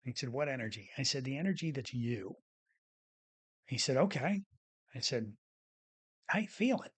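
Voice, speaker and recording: A man's voice: mid-range voice, normal speed, slightly rough. A man who left medicine and now hosts a show, telling a story from his clinic in a folksy way and acting out both sides of the conversation. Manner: folksy, re-enacts dialogue with lively voiced quotes. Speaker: former physician turned coach and show host. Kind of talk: storytelling talk.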